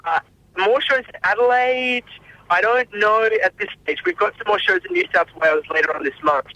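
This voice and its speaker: Laid-back bloke, band member, bright high voice over a phone line that keeps cutting out. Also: male voice, a little fast. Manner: laid-back, rambling, frequent ums. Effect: breaking-up phone line cutting out. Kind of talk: casual interview.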